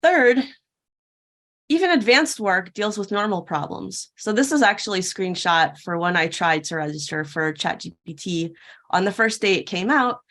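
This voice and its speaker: A tech-conference keynote speaker uses a mid-range, expressive, slightly bright voice at a moderate pace. Her prepared talk takes the form of a playful fairytale parable, with questions posed and then answered.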